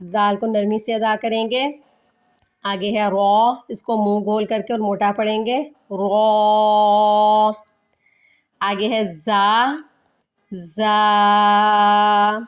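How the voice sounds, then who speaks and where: Woman teacher, children's alphabet lesson, smooth clear voice, even flat tone, drawn-out letter sounds. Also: mid-range voice. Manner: slow, drawn-out letter sounds between brief explanations. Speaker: Quran teacher.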